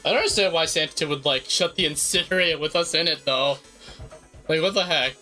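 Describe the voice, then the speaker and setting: Male streamer, bright tone, reads text aloud and chats loosely, faint music underneath. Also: fairly high pitch, a little fast, rough recording. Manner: reads game text aloud, swears, mutters reactions. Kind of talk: casual let's-play commentary.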